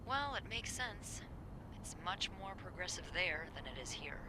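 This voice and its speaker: Here the same sardonic, playful receptionist from the mystery game speaks at a moderate pace in a lowish female voice. Background noise runs underneath while the actress keeps things sly and casual, teasing expressively in conversation.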